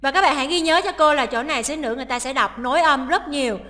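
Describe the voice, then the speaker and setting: A woman's voice: high-pitched, racing, bright, forceful tone, long reverb tail. A woman teacher working through a listening test, reading each English line and then explaining it. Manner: explains each option, translating English lines aloud.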